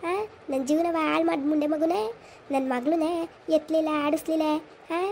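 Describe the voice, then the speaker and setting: A bitter, cursing mother from the village, as a woman acts her out, speaking. Her voice sits high and warm. She is emotional and scolds hard. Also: steady tone, brisk, gravelly, a little hiss or hum. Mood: furious. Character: bitter rural mother abandoned by her husband.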